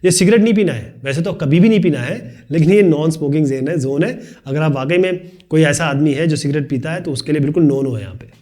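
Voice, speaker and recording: A man teaching a fast-paced lesson, talking quickly and chattily, explaining with everyday examples and light asides. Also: fairly high pitch, dark tone. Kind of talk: fast-paced Hindi tutorial lecture.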